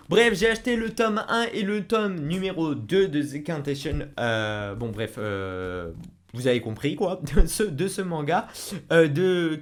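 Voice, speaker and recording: Brief: fairly high-voiced man, chatty video reviewer, rambling with fillers and quick laughs. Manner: rambling, many fillers and self-corrections, laughs often. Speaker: manga reviewer.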